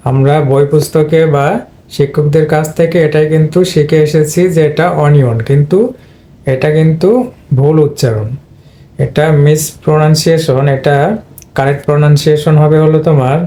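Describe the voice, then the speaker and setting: A man's voice: a little high, little pitch movement, brisk, warm tone. A man teaching English pronunciation in an explanatory lesson, repeating points and talking straight to his students. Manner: repeats and addresses students directly.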